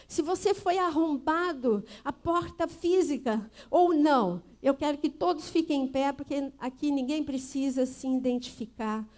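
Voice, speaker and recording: A Brazilian woman pastor giving a sermon at a church service, telling a personal story in an earnest way that builds to forceful emphasis. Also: high-pitched, measured pace, few pauses.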